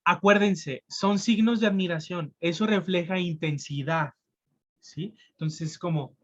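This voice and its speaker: Slow, patient male sign language teacher. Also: high voice, a bit bright, muffled recording. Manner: slow, patient, checks understanding with frequent "¿sí?". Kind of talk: online class explanation.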